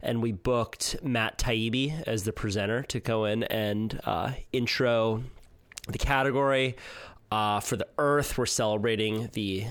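Casual podcast host in a dry, close sound. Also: male voice, fairly low pitch, steady tone, measured pace, a bit bright, dry recording. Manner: loose and casual, with many fillers and swearing. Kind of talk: solo podcast intro monologue.

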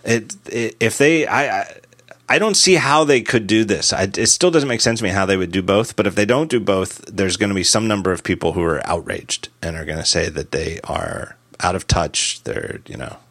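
Low-voiced man, lively podcast host. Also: no echo. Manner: animated, quick laughs, spins hypotheticals. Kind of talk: casual tech podcast chat.

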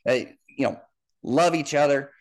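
A man's voice: fairly high pitch, normal speed. A man in his thirties hosting a solo sports podcast, talking conversationally with many fillers and restarts. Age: 30s. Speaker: podcast host and football coach.

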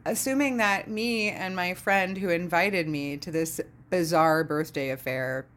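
A woman hosting a podcast, telling a story in a casual monologue, sardonic and animated, who laughs often and swears freely. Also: medium pitch. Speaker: podcast host.

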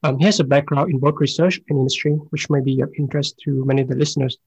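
A man's voice: medium pitch, fairly even intonation, creaky, a little mellow, slightly rough, low-quality recording. A man hosting a podcast interview, reading prepared introductions and questions with frequent hesitations. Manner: reads prepared questions with many "uh" pauses. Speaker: podcast host.

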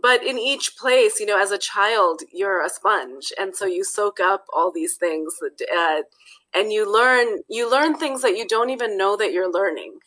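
A woman's voice: medium pitch, expressive, unhurried, fairly bright tone, rough recording. A woman from Nepal, a guest author talking through her thoughts in a casual interview, often restarting phrases and adding "you know.".

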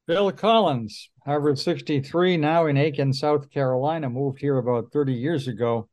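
A man's voice: mid-range voice, a little mellow. Matter-of-fact man in his eighties. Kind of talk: casual self-introduction.

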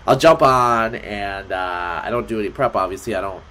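A man's voice: on the low side, normal speed, pushed and bright. Man, podcast guest, casual, rambling, filler-heavy. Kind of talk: casual conversation.

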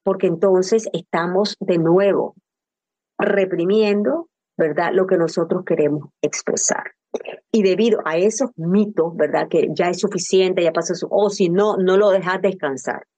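A woman's voice: fairly low pitch, measured pace, warm tone, poor audio. An older woman speaking as a grief counselor in an interview, earnest and personal, often asking rhetorical questions. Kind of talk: reflective interview talk.

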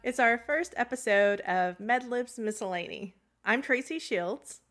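A woman co-hosting a podcast in casual chat, quirky and chatty and quick to laugh. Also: on the high side, lively intonation, fairly bright tone, soft background music. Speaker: podcast co-host.

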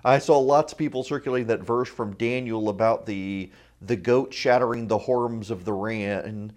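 A man's voice: medium pitch, normal speed, a little mellow. Echoey man hosting talk radio. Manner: opinionated, informal, with dry joking asides. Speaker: radio talk show host. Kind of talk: conversational radio commentary. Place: indoor room at a college without sound paneling. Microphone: lavalier. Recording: echoey untreated room.

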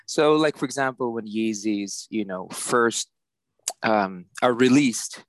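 A man's voice: lowish voice, slow, no room sound. A middle-aged man from the Philippines, a guest artist, explaining things in a chatty way with many fillers. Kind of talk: casual interview.

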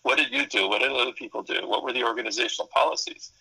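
Rapid-fire delivery marks this radio interview with a psychology professor and consultant whose native language is Spanish; he explains ideas thoughtfully, piling up lists and correcting himself. His mid-range voice is creaky, pushed and bright, slightly rough, and the audio is poor.

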